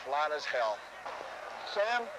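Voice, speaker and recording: Man, football coach, sideline shouting, exasperated, body mic outdoors, noisy field. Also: a little high, big pitch swings, takes it slowly. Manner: exasperated, barking orders and complaints at players.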